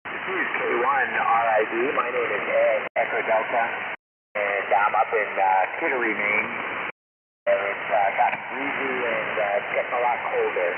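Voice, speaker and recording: Low-voiced man through loud radio static. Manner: relaxed, halting with frequent pauses. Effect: shortwave radio transmission with heavy static. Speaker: amateur radio operator checking in. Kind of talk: casual radio net check-in. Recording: tinny, distant radio signal buried in loud static.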